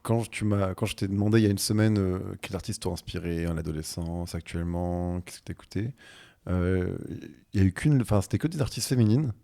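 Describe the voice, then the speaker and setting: A man's voice: sits low, a little fast, mellow, faint music behind. A man hosting a podcast, asking loose questions with many fillers. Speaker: podcast host. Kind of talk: interview questions.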